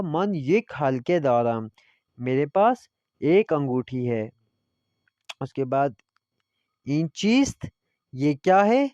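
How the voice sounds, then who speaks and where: A man's voice: fairly high pitch, darkish tone, no echo. Man teaching Persian, muffled recording. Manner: reads Persian phrases slowly, then explains them in Urdu. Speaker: language teacher. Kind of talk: classroom lesson explanation.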